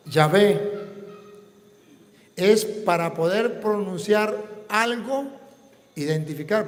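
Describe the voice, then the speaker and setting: Slow high-voiced man preaching in a hall. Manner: slow, didactic, asks and answers his own questions. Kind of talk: preaching Q&A talk. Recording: long reverb in a hall.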